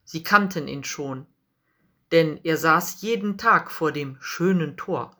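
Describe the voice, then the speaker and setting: A woman narrating a children's Bible story in a gentle, deliberate storytelling manner. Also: deep voice.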